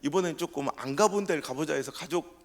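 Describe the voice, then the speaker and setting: A man's voice: on the high side, quick pace. A man with a Chungcheong Korean accent preaching a revival sermon, telling his testimony with humor and mimicking dialects. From South Korea. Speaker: pastor. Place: church sanctuary. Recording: reverberant church sanctuary.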